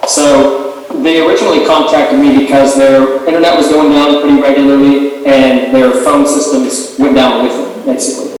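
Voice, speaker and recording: A man's voice: medium pitch, flat delivery. Man on a remote call through a hall speaker. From Missouri. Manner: halting, restarts and repeats words. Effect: remote video call played over a room loudspeaker. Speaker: local account manager presenting to a city council. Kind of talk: remote sales presentation. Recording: echoey hall from far off.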